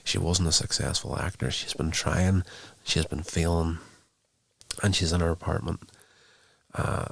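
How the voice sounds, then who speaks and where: A man's voice: sits low, steady tone, measured pace, gravelly, fairly bright tone, dry recording. A man hosting his own show, casually retelling a TV episode in a loose, rambling way with many fillers. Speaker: show host reviewing a TV episode. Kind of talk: casual spoken recap.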